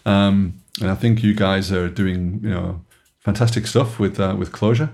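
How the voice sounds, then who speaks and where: Low-voiced man, relaxed podcast co-host. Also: normal speed, vocal fry. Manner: relaxed, chatty, laughs often. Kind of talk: casual podcast conversation.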